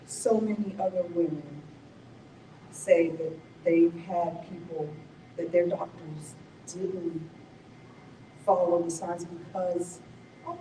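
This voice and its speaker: A woman speaks slowly and reflectively, sharing her own survival story at a community forum. Her voice is low and mellow. It sounds a little distant, in an echoey room with a faint rumble behind it. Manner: slow, reflective storytelling with self-corrections. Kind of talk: personal testimony at a forum.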